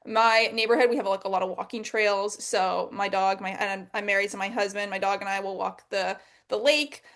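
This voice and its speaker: A woman's voice: mid-range voice, fairly even intonation, fairly quick, a bit bright. A woman from Vermont, a guest on a casual video-call interview, talking in a bubbly way with frequent laughs and fillers. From Vermont, United States. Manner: bubbly, laughs often, many likes and ums. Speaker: guest, customer success coach.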